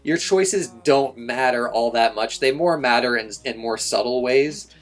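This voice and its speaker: A young man reviews a game casually and off the cuff, at a measured pace and with an ordinary mid-range male pitch. He rambles, often stumbling, restarting sentences, and leaning on fillers.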